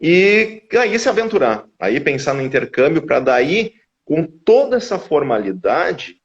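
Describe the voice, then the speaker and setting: A man's voice: fairly high pitch, sing-song, unhurried. Gaúcho man explaining patiently, lo-fi. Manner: explanatory, restarts with repeated words. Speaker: guest from an English language school. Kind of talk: casual live-stream conversation. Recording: dull lo-fi audio.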